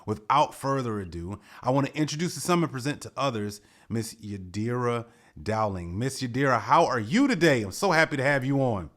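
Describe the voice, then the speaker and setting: A man's voice: mid-range voice, animated, fairly quick, fairly bright tone. Rambling male podcast host. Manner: rambling, self-correcting questions. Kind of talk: conversational interview.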